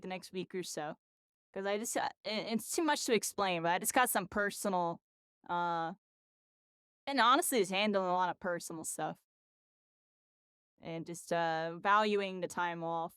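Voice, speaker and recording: In a loose, rambling live-stream chat, a game streamer sounds exhausted after a long session and keeps saying "like" and "you know." Her medium-pitched voice is fairly bright, clear, and resonant. There's no echo, just clean studio sound.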